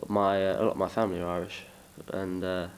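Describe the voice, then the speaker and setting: A young English musician chats casually as an interview guest, rambling and putting himself down. His low-pitched voice is clean and flat, and he speaks quickly.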